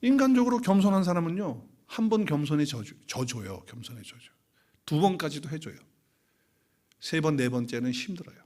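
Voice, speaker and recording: A man's voice: a little high, expressive, a little fast, a little mellow. A male pastor preaching a Sunday sermon in a conversational, storytelling way. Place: church sanctuary.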